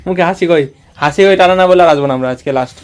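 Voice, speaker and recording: A man's voice: a little high, fast talker, smooth. A man filming a casual home vlog, teasing and coaxing a child in a playful way, often repeating his words. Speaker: vlogger.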